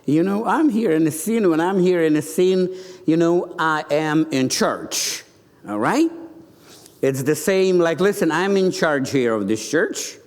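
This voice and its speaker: Animated male preacher in a reverberant church. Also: fairly high pitch, measured pace. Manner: animated, acting out the scene. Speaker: bishop preaching. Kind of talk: sermon. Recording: long hall reverb.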